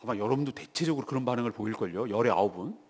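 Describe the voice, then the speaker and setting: A man's voice: medium pitch, expressive, racing, husky. A man preaching a morning devotional sermon as pastor, speaking emphatically and putting rhetorical questions to the congregation, in a church with a long reverb. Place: church sanctuary.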